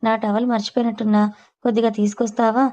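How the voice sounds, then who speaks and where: A woman voicing a cocky young husband in a spoken storybook, mocking and sarcastic. The delivery is mellow and fairly even. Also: a little high, quick pace, muffled recording, lightly acted. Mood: teasing. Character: young man, teasing and cocky.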